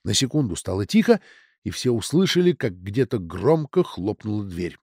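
A man reading a story aloud as a narrator, in an expressive way. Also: moderate pace, breathy edge, no room sound, studio quality. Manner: expressive, voices the girls' lines in a raised pitch. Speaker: audiobook narrator. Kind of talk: scripted narration.

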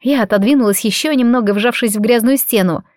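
A woman reading a first-person audiobook story in an expressive, emotional way. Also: fairly high pitch, fast talker, dry recording, clean studio sound. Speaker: audiobook narrator.

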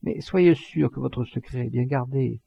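A man voicing a friendly, knowing gentleman who speaks in a measured, confiding way. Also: mid-range voice, vocal fry, husky, highs cut off, voice pushed up, heavily acted.

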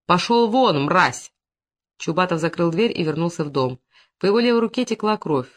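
A man narrating a novel in an audiobook with even, measured storytelling. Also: on the high side.

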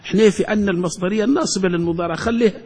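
A man's voice: high-pitched, very fast, a little mellow, breathy edge. A man, a sheikh teaching a grammar lesson who keeps quizzing his students with questions, in an echoing hall. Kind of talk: classroom lesson.

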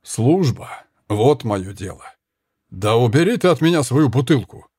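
Мужчина озвучивает маленького, но непреклонного испанского стражника. Говорит отрывисто и холодно, с выразительными перепадами тона, звук сухой и близкий. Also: male voice, medium pitch, very animated, unhurried, a little mellow, husky, no room sound, clean studio sound. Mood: stern. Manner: firm, clipped commands. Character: small, stern young Spanish arquebusier guard.

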